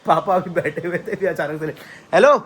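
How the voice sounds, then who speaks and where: A young man hosting a casual family vlog outdoors at home, teasing his family and calling out loudly. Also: fairly high pitch, fairly quick, slight background noise. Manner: teasing, lively, calls out loudly. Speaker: vlogger, host.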